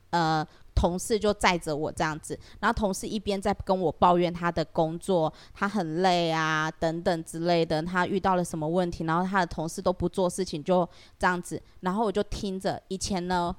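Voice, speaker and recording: Podcast guest, woman, Taiwanese Mandarin accent, low-ish voice, reflective storyteller, lots of fillers. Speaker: guest sharing her experience. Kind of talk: casual podcast conversation.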